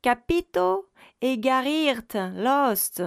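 A woman voicing a cheerful young male foreign camper who speaks slowly in broken, mixed-language phrases. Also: fairly high pitch, animated, no room sound, studio quality, heavily acted. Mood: eager.

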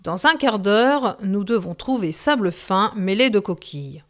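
A woman voicing an old male sea pilot, grave and commanding, who speaks in firm, steady orders. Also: mid-range voice, unhurried, close to an everyday voice.

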